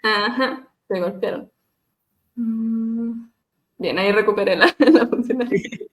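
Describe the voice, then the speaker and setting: A woman speech therapist leading a webinar on voice care, gently demonstrating hums and glides over a video call and laughing at herself now and then. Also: medium pitch, normal speed. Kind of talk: live webinar lesson on vocal exercises.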